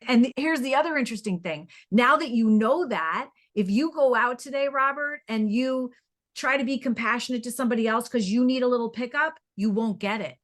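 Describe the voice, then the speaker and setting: A woman's voice: fairly high pitch, brisk. A middle-aged woman, a nonprofit founder being interviewed, talking earnestly and acting out little scenes of dialogue. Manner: animated, acts out quoted dialogue. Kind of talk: conversational interview storytelling.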